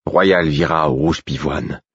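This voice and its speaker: A man reading a first-person novel aloud, with steady, measured narration and voices for the characters. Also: very deep voice, breathy edge, dry recording, muffled recording. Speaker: audiobook narrator.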